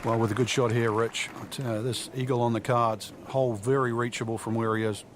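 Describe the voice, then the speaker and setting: A man's voice: medium pitch, little pitch movement, a little fast, a little hiss or hum, lightly acted. A man playing an easygoing golf analyst, giving conversational colour commentary with plenty of ums. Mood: advising, conversational. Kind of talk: conversational golf commentary for a video game broadcast. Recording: music behind voice. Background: music.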